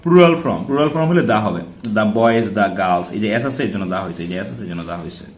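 A man's voice: on the low side, big pitch swings, quick pace, reverberant, a little hiss or hum. A man teaching an English grammar lesson in a casual classroom style, repeating example words and checking in with rhetorical questions.

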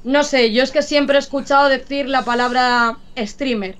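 A woman's voice: high voice, fairly even intonation, normal speed, a bit bright. A young woman from Madrid, with a slight Andalusian touch to her speech, chats casually as a guest streamer on a video call from her home. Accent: Madrid Spanish with an Andalusian touch. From Madrid, Spain. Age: young adult. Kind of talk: casual interview chat. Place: home room with pets. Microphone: video call, webcam mic. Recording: dull lo-fi video call audio.

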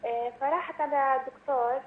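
A woman's voice: high-pitched, steady tone, brisk. Woman on a glitchy, tinny phone call. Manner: repeats herself to be understood. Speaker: caller. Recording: tinny, echoey phone call with faint hiss.

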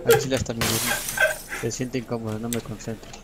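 A man's voice: mid-range voice, flat delivery, a little fast. A man from Mexico City with a local accent, talking bluntly and profanely in casual game voice chat. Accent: Mexico City Spanish. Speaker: online game player. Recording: loud background noise with keyboard clicks.

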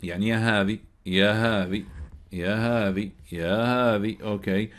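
A man talks through an English workbook lesson in a fairly low voice. He goes slowly over each phrase, spells words out letter by letter and says them again. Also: steady tone, a bit bright. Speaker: English teacher.

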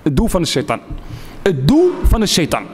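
A man's voice: high-pitched, wildly swooping pitch, normal speed, big-room sound, a little hiss or hum. A man giving a sermon, emphatic, repeating key phrases and asking and answering his own questions. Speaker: speaker giving a religious lecture. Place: lecture hall.

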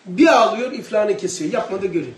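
A man's voice: sits high, expressive, fairly quick. A man giving a religious study lesson, asking his listeners questions as he goes. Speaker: religious teacher. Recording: echoey room, distant mic.

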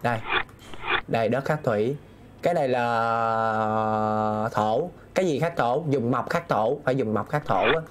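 A man's voice: medium pitch, a little slow. A man streaming a game, talking himself through puzzles and reading viewers' messages aloud. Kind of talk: live gameplay commentary.

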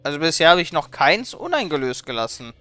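A man's voice: a little high, sing-song, fairly quick, pushed and bright. A man giving casual, playful and wry gameplay commentary as a streamer.

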